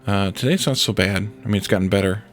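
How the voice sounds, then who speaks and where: Streaming a building game with a congested head cold, this man thinks aloud in casual let's-play style, muttering as he builds. His voice sits on the low side and moves quickly, with soft music playing behind him.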